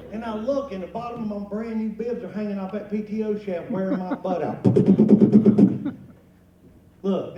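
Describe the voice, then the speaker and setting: At a lunch event, a male guest speaker with a high-pitched voice tells a comic yarn to the audience in a folksy, animated way, acting out exclamations and sound effects. The lo-fi recording is captured from far off in an echoey hall, with room noise audible.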